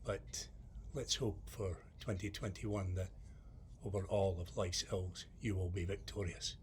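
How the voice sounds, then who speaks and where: A man from Scotland, sending a relaxed, wry video greeting. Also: low-pitched, unhurried, a little hiss or hum.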